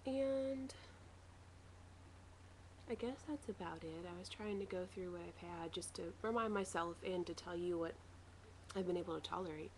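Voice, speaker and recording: A woman with a slightly low voice records a casual video diary at home. She rambles along in a matter-of-fact way, as a vlogger would. There is light noise in the recording. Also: moderate pace, long pauses, poor audio. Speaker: vlogger sharing a weight-loss surgery recovery diary.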